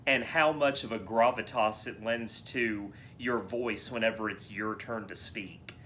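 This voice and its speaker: A man co-hosting a relaxed movie podcast, with a bright, forward voice. He talks in long, eager runs and often restarts his phrases. A faint hiss and a low rumble sit under the recording. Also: measured pace. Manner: animated, rambling with many restarts. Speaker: podcast co-host. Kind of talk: casual film discussion chat.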